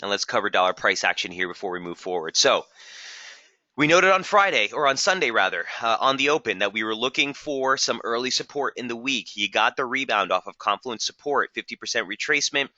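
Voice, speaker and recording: A man hosting a live trading webinar, brisk and technical, losing his voice and clearing his throat now and then. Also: medium pitch, lively intonation, bright, forceful tone, no room sound, muffled recording. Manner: brisk, technical, addresses viewers as guys. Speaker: market strategist hosting a webinar.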